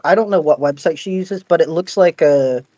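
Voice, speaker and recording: A man's voice: a little high, moderate pace, dark tone, dry recording. A man co-hosting a podcast as the joking, self-deprecating comic relief, with a slight lisp. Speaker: podcast co-host. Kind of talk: casual podcast chat.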